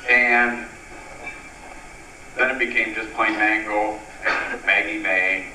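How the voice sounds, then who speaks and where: A middle-aged man giving a sentimental wedding toast as father of the bride, speaking deliberately with pauses. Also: lowish voice, fairly even intonation, sharp tone. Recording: echoey, noisy room, distant microphone.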